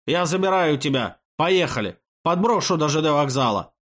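A heartbroken, wailing artist in a storybook reading, his voice pushed high and loud as he laments his ruined paints, with a man putting him on. The delivery is plaintive and theatrical, rising and falling. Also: expressive, normal speed. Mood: dramatic. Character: distraught wailing middle-aged male artist.

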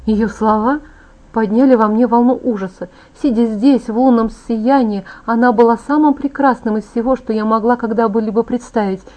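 A woman reading a novel aloud in the first person, in an even, measured storytelling manner. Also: a little high. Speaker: audiobook narrator. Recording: dull lo-fi audiobook audio.

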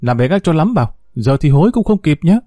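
A man's voice: fairly high pitch, big pitch swings, fast, dark tone, no echo, studio quality, pitched above the performer's own voice. A man voicing a desperate young mother who stammers, pleads and accuses, raised well above his own voice. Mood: furious.

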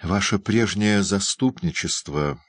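A gentle, kind young lady speaks earnestly, trying to persuade, in a storybook reading, voiced by a man. The voice is very low and dry, recorded close without echo. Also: takes it slowly, slightly rough, exaggerated voice. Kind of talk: audiobook character reading.

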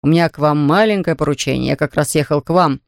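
A woman's voice: low-pitched, vocal fry, dry recording, studio quality, pitched below the performer's own voice. Woman playing a polite, wry country doctor. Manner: measured, polite, gently wry. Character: courteous middle-aged male country doctor.

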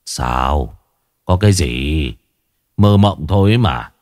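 A man doing a gruff village husband. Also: extremely low pitch, expressive, slow, darkish tone, no room sound, studio quality, voice pushed down, heavily acted. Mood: gruff, dismissive. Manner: curt, dismissive and coarse.

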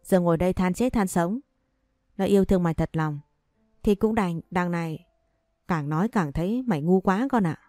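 A sharp-tongued older mother from an audio story, blunt and scolding, as a woman reads her. The voice sits low and mellow. Faint music plays under a dry, close sound. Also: normal speed, dry recording, natural voice.

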